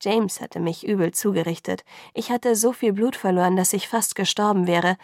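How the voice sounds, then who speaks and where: A woman reads a first-person novel aloud as an audiobook, keeping her delivery soft and subdued. Her voice has a steady gravelly fry. The recording is close and completely dry. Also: mid-range voice, normal speed, no echo. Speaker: audiobook narrator.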